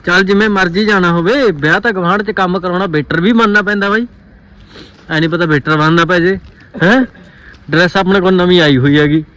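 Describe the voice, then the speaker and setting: High-voiced cocky young Punjabi man. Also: fairly quick, a bit bright, poor audio. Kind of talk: casual joking chat.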